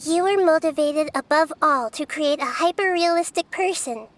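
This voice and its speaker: An actress voicing a small, childlike goddess of wisdom in a video game, gentle, precise and composed. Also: female voice, high-pitched, normal speed, a little hiss or hum, close to an everyday voice. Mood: calm, knowing. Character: small childlike female deity of wisdom, calm, perceptive.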